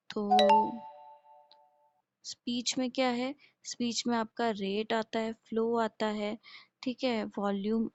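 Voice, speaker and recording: A woman's voice: on the high side, dry recording. A woman nursing lecturer giving a classroom lecture, explaining step by step, posing questions and answering them herself, and checking in with her listeners. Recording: dull lo-fi recording.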